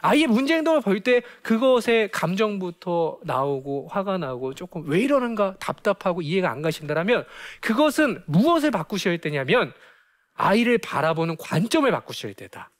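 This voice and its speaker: A man's voice: high-pitched, big pitch swings, normal speed. A man giving a lecture to parents, who asks the audience rhetorical questions and acts out children's voices.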